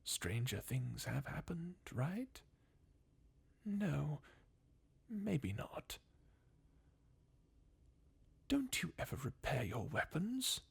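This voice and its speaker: A fan actor redubs video game dialogue in an ASMR-like style as a crestfallen, jaded undead warrior, sardonic and defeatist. The exaggerated, mid-range voice is a breathy, husky half-whisper with creak, slow with big, swinging pitch shifts, weary and bleakly mocking as it chuckles.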